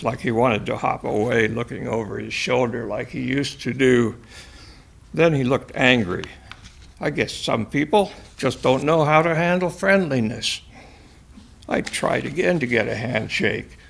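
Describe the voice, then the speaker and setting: A man reading a first-person short story aloud in a dry, measured way. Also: mid-range voice, gravelly, a bit bright, breathy edge. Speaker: story reader.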